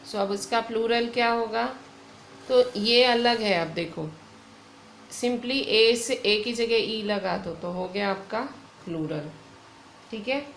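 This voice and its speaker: Indian woman teacher, slow and gravelly, echoey room: patient lesson delivery. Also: medium pitch, slight background noise. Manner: slow, patient explaining with frequent "theek hai". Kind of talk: online grammar lesson. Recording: echoey room with faint ambience.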